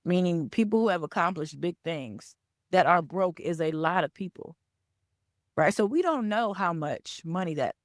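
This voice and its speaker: A woman's voice: on the low side, dry recording, clean studio sound. A woman hosting a solo business podcast, stressing her points and checking in with "right?" and "okay?". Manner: emphatic, repeats key points with "right?" and "okay?". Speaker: podcast host and business coach.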